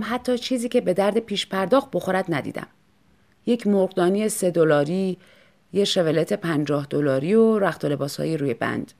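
Woman reading a story aloud, calm and even, audiobook vibe. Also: medium pitch. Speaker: narrator. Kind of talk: audiobook narration.

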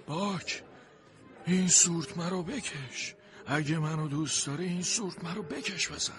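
A kind, stubborn man who will never give up his dog, voiced by a male storyteller. His lifted, high voice urges the animal on fervently, with music playing behind the reading. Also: a bit bright, close to an everyday voice. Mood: tender. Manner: fervent, urging.

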